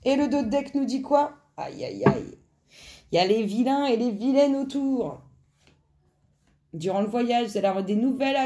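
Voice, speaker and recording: A woman's voice: on the high side, dark tone, slight background noise. A woman giving an informal spiritual card reading, chatting to viewers and to herself and often repeating short phrases. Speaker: tarot and oracle card reader, host.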